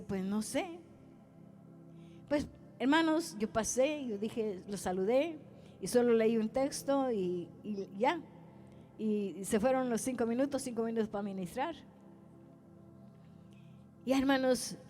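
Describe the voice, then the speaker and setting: A woman evangelist tells a testimony sermon with a fairly high, mellow voice. She acts out the dialogue and keeps calling her listeners brothers. Soft music plays behind her. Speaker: evangelist preacher.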